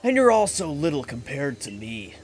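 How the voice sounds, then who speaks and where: A man's voice: on the high side, huge pitch swings, moderate pace, soft background music. A man voicing an arrogant young male clan warden, in a drawling hippie-like voice full of haughty condescension. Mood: condescending.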